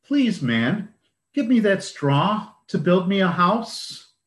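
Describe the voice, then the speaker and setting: A man doing a high, plucky little pig. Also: very animated, slow pace, heavily acted. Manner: high, emphatic refusals. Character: small plucky young male pig, stubborn. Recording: roomy echo.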